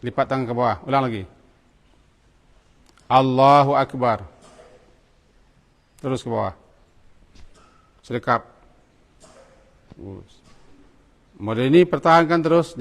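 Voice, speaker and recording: Guiding students through how to pray, a religious teacher offers short commands and coaxing in a mosque prayer hall with long reverb. His voice is mid-range, at normal speed, broken by long pauses.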